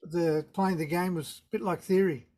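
Tasmanian aussie guy, middle aged or older, voice a bit high, casual slangy interview chat. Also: steady tone, normal speed, a little mellow. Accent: Tasmanian Australian. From Tasmania, Australia. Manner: laid-back, slangy, wry. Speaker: guest, surf photographer.

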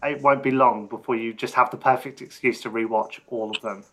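A man's voice: medium pitch, steady tone, fairly quick, a bit bright. A man hosting a casual interview, easygoing, often chuckling, with many fillers and restarts. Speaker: interview host.

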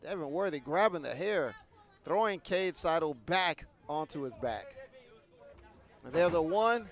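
High-voiced excitable male wrestling announcer. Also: a little hiss or hum. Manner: rapid play-by-play that bursts loud on big moves. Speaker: play-by-play wrestling commentator. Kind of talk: live wrestling commentary.

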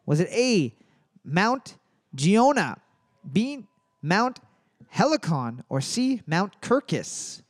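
In a dry, clean studio recording, a man with a high voice hosts live trivia. He animatedly reads questions, spells out the options slowly, letter by letter, and jokes between rounds.

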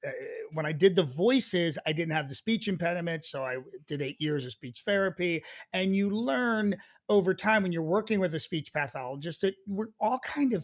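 High-voiced, animated male comedian. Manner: animated and eager, jumps into voices. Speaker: comedian and impressionist guest. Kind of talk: interview chat.

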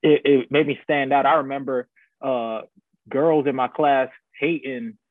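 A man's voice: medium pitch, steady tone, measured pace, dry recording. A man from Guyana co-hosting a podcast, chatting casually with a laid-back, agreeable manner and plenty of slang. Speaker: podcast co-host. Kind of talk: casual chat. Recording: dry, phone-like lo-fi sound.

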